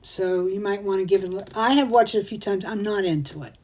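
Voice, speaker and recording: A middle-aged woman hosting a craft show, talking in a chatty, rambling way that turns excitable. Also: medium pitch, quick pace, rough recording. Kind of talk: casual chat.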